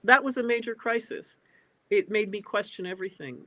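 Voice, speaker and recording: A woman in her sixties speaks as an interview guest over a video call. She talks thoughtfully and keeps pausing on small hesitant fillers. Her voice sits at an ordinary pitch for a woman. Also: pushed and bright, no room sound. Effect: heard over a video call. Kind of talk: reflective interview talk. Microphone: computer on a video call.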